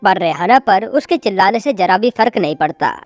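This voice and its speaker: A woman narrating a recap of a web series, retelling the plot episode by episode in steady scripted storytelling. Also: mid-range voice, brisk, no room sound, soft background music.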